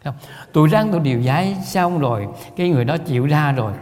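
A man's voice: fairly high pitch, lively intonation, quick pace, darkish tone, long reverb tail. A man with a Southern Vietnamese accent, a Buddhist lay teacher giving a storytelling talk, rambling and repeating words, often chuckling.

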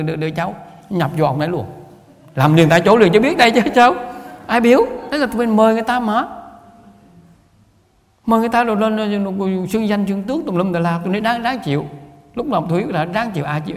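Fast, gravelly Southern Vietnamese man. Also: high-pitched, big-room sound. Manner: rambling, repeats words, chuckles often. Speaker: Buddhist lay teacher. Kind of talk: storytelling Buddhist talk.

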